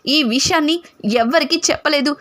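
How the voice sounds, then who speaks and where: A woman's voice: high voice, steady tone, brisk, fairly bright tone. A woman voicing a heartbroken, self-sacrificing young daughter in a retold serial. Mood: pained.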